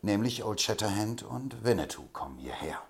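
A man plays an eager informant in a storybook, pitched above the reader's usual deep voice. He delivers news with self-important urgency, lively and insistent. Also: normal speed, creaky.

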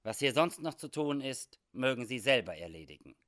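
A man doing a cool hired scout, measured and matter-of-fact. He keeps close to the reader's own voice with a lively, story-telling lilt, in a spoken adventure tale. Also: mid-range voice. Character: calm hired male frontier scout.

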